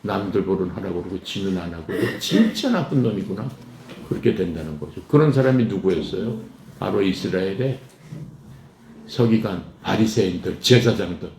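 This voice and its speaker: A man's voice: sits low, animated, normal speed, darkish tone. A man preaching a sermon who keeps asking the congregation questions and answering them himself. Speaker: pastor. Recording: echoey room with faint noise.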